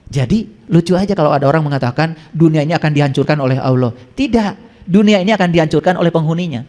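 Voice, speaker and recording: A man preaching a sermon to a live audience, quizzing listeners and swinging between high exclamations and low asides. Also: fast, a little mellow. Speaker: Islamic preacher. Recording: long hall reverb.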